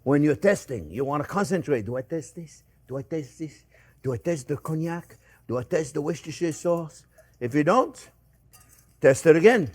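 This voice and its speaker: An older man with a slightly high voice presents a casual cooking demonstration. He is animated and talkative, repeats little phrases, and addresses his viewers as friends. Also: moderate pace, breathy edge. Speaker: chef hosting a cooking show.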